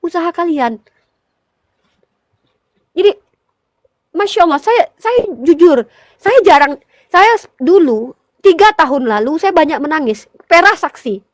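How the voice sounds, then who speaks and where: Woman, religious speaker, high fervent voice, dry close sound, passionate exhortation. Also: expressive, unhurried, pauses often, dry recording. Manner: fervent, pleading, rising to emotional peaks; addresses listeners as brothers in faith.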